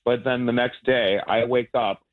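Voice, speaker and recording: A man's voice: mid-range voice, steady tone, normal speed. A man calls in over a thin, tinny phone line, explaining himself in a loose, rambling way. He stays laid-back and laughs easily between thoughts. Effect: heard over a phone line. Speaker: caller on a radio dating segment. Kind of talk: casual chat.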